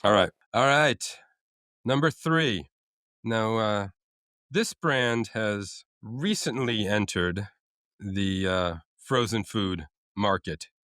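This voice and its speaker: A man's voice: on the low side, slow, fairly bright tone, no echo, studio quality. A man co-hosting a casual podcast, reading out food trivia with frequent uhs and restarts. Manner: reads out facts with many uhs and restarts. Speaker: co-host.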